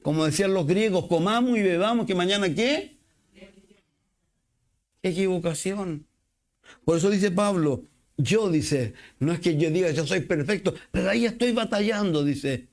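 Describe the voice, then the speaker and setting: A male pastor, preaching a sermon with expressive swings and acted-out quotes. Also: high-pitched, moderate pace. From Chile.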